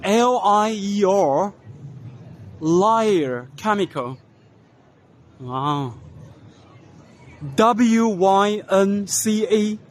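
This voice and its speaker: Slow-talking man on an expo walking tour. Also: high-pitched, expressive, slight background noise. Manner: unhurried, spells out names letter by letter. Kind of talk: casual walk-and-talk narration. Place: large indoor trade expo hall.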